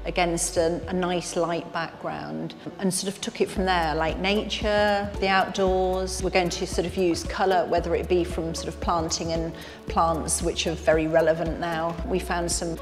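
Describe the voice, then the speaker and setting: A woman's voice: on the low side, little pitch movement, normal speed, hardly any pauses. A middle-aged woman, an interior designer, chatting with enthusiasm about her design ideas. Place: large bare room with high ceiling. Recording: hall reverb with faint music.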